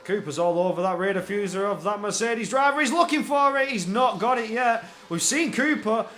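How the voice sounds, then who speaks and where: High-pitched excitable male racing commentator. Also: moderate pace, a little hiss or hum. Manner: excitable, repeats phrases for emphasis. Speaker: esports motor racing commentator. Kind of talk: live play-by-play racing commentary.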